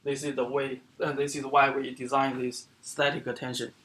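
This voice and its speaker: A man giving an academic seminar lecture as the speaker, explaining in a halting way with many fillers and restarts. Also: medium pitch, little pitch movement, fairly bright tone. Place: lecture room.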